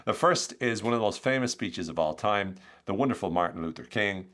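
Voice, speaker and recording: A man with a lowish voice teaches on his podcast, chatty and energetic. He walks through ideas one example at a time in a conversational flow. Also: a little fast. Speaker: podcast host, communication coach.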